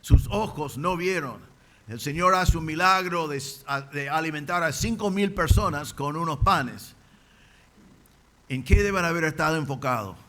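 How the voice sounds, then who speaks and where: Forceful bright-voiced preaching pastor. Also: male voice, on the high side, expressive, measured pace. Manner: emphatic, with rising bursts and rhetorical questions. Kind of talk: sermon. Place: church.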